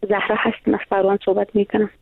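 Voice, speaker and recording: A woman calling in to a radio show over a phone line, asking her question politely and hesitantly, with many pauses. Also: medium pitch, monotone, creaky, dry recording. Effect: heard over a phone line.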